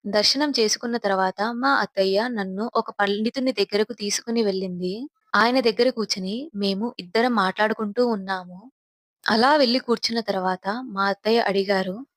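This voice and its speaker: A woman's voice: medium pitch, dry recording. A woman narrating a first-person horror story in a grave, tense manner.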